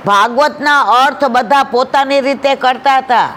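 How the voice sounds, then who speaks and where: High-voiced woman giving a devotional talk. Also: measured pace, a bit bright, slight background noise, low-quality recording. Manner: affectionate, often addresses listeners as "my dear"; conversational, asks the audience questions. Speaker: satsang speaker. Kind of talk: devotional satsang talk with storytelling.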